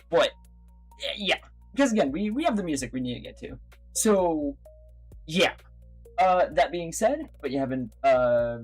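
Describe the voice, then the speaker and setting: A casual livestream host who rambles from thought to thought and giggles between sentences. The voice is breathy and sits at an ordinary middle pitch, with faint music playing underneath. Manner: rambling, giggly, quick to apologize.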